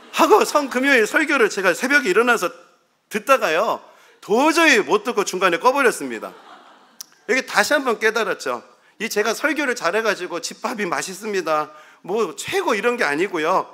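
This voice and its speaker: A man's voice: sits high, bright, forceful tone. A middle-aged male pastor preaching a sermon, telling humorous, self-deprecating stories to his congregation.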